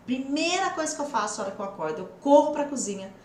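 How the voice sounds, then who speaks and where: A woman with a Brazilian Portuguese accent teaching an English lesson, lively and emphatic, slowing down to stress key words. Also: high voice, a little hiss or hum. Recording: echoey room.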